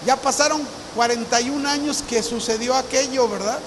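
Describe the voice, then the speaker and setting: High-voiced pastor in echoing hall. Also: male voice, normal speed. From Mexico. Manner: earnest storytelling, acts out remembered dialogue. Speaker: visiting pastor. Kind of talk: sermon. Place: church hall. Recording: reverberant hall with faint hiss.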